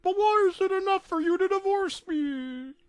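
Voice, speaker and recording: A man voicing a tearful male cartoon mouse, whining in a very high voice. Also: normal speed, dry recording. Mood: pleading. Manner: whiny, pleading.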